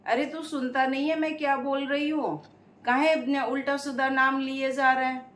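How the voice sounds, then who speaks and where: Woman doing a shrill rustic goddess lady yelling at a cowherd, roomy echo. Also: little pitch movement, normal speed. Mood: scolding. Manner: loud, scolding, rustic. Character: goddess disguised as a scolding village woman. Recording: roomy echo, faint noise.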